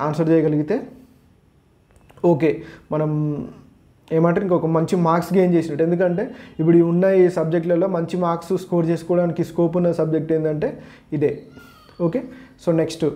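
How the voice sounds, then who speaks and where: A man teaches exam preparation in a quick, slightly high and soft-edged voice. He has a Telangana Telugu accent and freely mixes in English words and phrases. His walkthrough is informal and explanatory, stepping from point to point. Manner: explanatory, repeats "okay, so" as a linking phrase.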